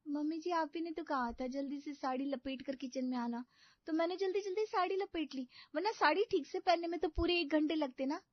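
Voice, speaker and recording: A woman's voice: high-pitched, brisk, no echo, lo-fi sound, voice pushed up, lightly acted. A woman voicing a naive, dim-witted young bride who talks innocently and sweetly in a cartoon story.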